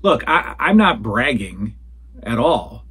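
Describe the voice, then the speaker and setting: Speaking slowly in a husky, slightly bright mid-range voice, a very animated man in his forties answers listener questions on his solo show. He rambles casually, calls his audience folks, and records in a den packed with retro toys and posters.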